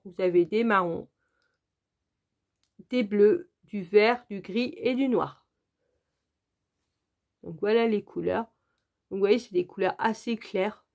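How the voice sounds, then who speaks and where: A woman's voice: mid-range voice, a little mellow. A woman hosting her crafting channel, walking viewers through an unboxing in a casual, chatty way, full of "donc, euh" fillers and direct asides to the viewer.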